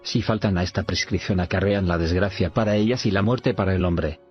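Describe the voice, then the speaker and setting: A man's voice: low-pitched, brisk, natural voice. A man reading as a stern warrior nobleman. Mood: solemn. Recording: slightly dull recording with faint music.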